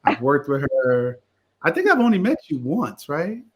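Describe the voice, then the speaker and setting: Animated storytelling man from Connecticut. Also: a little high, moderate pace. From Connecticut, USA. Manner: animated storyteller, lively voices in anecdotes. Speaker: guest, attorney and theater producer. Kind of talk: casual storytelling interview.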